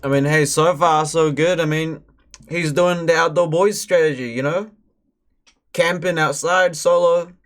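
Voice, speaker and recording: A man's voice: on the high side, steady tone, unhurried. A man live-streaming, casually commenting on a story in a chatty, laid-back way with slang. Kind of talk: casual chat.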